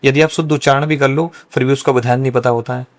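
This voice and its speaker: A man's voice: medium pitch, fairly even intonation, fast talker. A young man, a priest by calling, explaining at length and earnestly in a casual podcast conversation. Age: young adult. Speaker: guest, young Brahmin priest.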